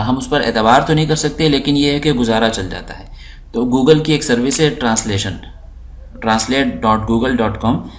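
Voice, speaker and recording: A man with a mid-pitched voice gives a patient, unhurried lesson. He explains step by step as he clicks through his screen and repeats words so that learners can follow. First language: Urdu. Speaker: English teacher.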